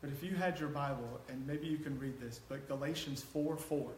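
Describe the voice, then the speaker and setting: A pastor's mid-range, slightly mellow voice moves at normal speed through a sermon that goes from chatty jokes with the congregation to a passionate exhortation. The church sanctuary recording echoes and carries a little hiss or hum.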